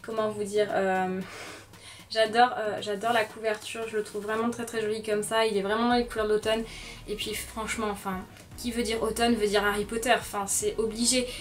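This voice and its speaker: A young woman chatting casually about her favorite products, often pausing with "euh" and sounding warmly enthusiastic. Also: medium pitch, flat delivery. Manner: chatty, frequent "euh" fillers, gentle and enthusiastic. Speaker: beauty vlogger. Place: bedroom. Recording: slightly distant mic, soft music underneath.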